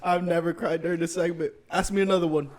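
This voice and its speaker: A man's voice: on the high side, flat delivery, fast, a little mellow. Nervous slangy young man. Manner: nervous, slangy, says bro. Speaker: podcast co-host. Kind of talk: casual chat.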